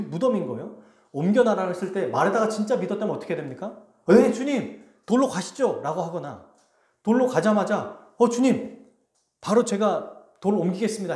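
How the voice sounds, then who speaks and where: Animated male pastor, echoey sanctuary. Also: fairly high pitch. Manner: animated, acts out the biblical characters' lines; speaks directly to the congregation. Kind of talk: sermon. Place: church sanctuary.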